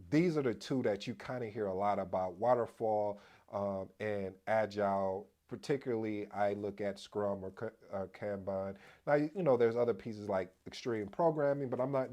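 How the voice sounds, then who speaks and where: A man hosting a casual explainer video on project management, addressing viewers as family, energetic and prone to restarts. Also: lowish voice. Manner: restarts and repeats himself as he talks. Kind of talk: casual explainer talk to camera.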